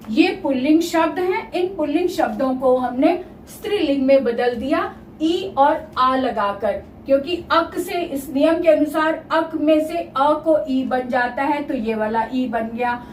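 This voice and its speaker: A woman's voice: sits high, distant mic, a little hiss or hum. A woman teacher giving a grammar lesson, spelling out words sound by sound. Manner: slow, spells out each sound step by step. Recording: roomy echo, voice from afar, faint ambience.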